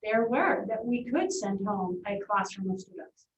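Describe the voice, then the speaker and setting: A woman district administrator explains policy in a measured, reassuring way. She is heard from a distance in a roomy meeting hall. The audio is dull and boxy. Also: medium pitch, animated, a little hiss or hum. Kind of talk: board meeting remarks. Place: board meeting room.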